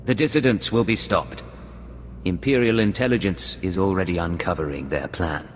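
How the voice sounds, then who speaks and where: An actor playing a composed male Imperial secret agent with a measured, formal manner. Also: deep voice, a little hiss or hum, close to an everyday voice. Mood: deferential.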